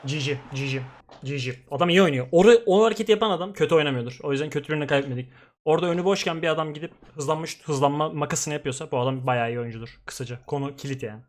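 Excitable young man commenting on gameplay. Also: fairly high pitch, very fast. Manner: excitable, swings from grumbling to shouting. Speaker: gaming streamer.

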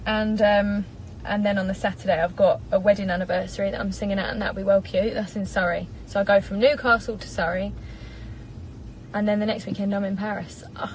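A woman's voice: mid-range voice, flat delivery, fairly quick, a little hiss or hum, low-quality recording. A woman in her twenties with an English accent, chatting casually to a live-stream audience from a parked car, speaking into a propped-up phone. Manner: chatty, bubbly, giggly. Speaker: singer doing a live stream. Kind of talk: casual live-stream chat reading comments. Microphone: phone propped up in front.

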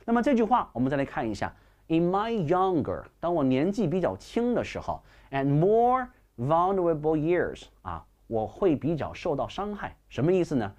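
A man teaching English vocabulary in class. He explains in Chinese, reads the English sentences slowly and carefully, and keeps a lively, encouraging manner. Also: a little high. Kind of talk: bilingual classroom lecture.

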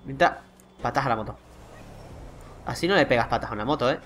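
A young man with a Spain Spanish accent giving chatty, excitable let's play commentary to his viewers, swearing casually as he plays. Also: medium pitch, fast, slight background noise. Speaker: gaming YouTuber.

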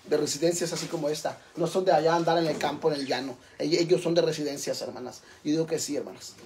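A man's voice: a little high, fairly even intonation, fast, a little mellow. A man chatting on a home livestream, campy and self-mocking, calling his viewers sisters. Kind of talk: casual livestream chat. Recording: echoey room, faint background noise.

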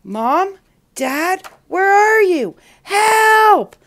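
A woman voicing a frightened little boy lost and alone, crying out in high, pleading tones. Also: expressive, a little slow.

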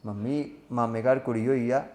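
Sex: man. Figure: gentle pleading son, acted by a man. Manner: soft, pleading. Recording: roomy echo. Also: mid-range voice, fairly even intonation, moderate pace, natural voice.

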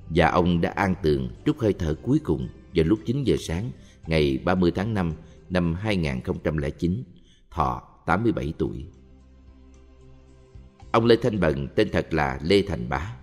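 A man reading a Buddhist story and memoir aloud in a steady, even voice. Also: sits low. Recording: reverberant with faint music.

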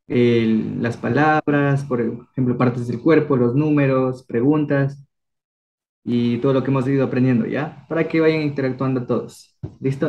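Heard through dull audio with a little hiss or hum, a young man from Ecuador speaks in a medium pitch. He's teaching an online language class, quizzing his students with encouraging, coaxing questions.

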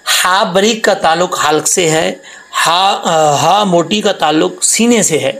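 A man teaching Quran tajweed, explaining letter sounds patiently and repeating them slowly. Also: high-pitched, vocal fry, a bit bright, low-quality recording. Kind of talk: Quran tajweed lesson with recitation.

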